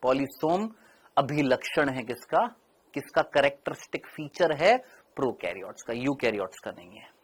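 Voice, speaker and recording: A middle-aged male teacher giving a biology lecture, asking questions and answering them himself, and drawing out key words slowly. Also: medium pitch, animated, breathy edge. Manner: stretches out key terms slowly.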